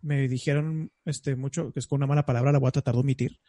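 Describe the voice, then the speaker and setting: A young man with a Mexican accent, co-hosting a casual chat, telling stories in a lively way with playful voices. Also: mid-range voice, fast, no echo. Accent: Mexican Spanish. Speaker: co-host.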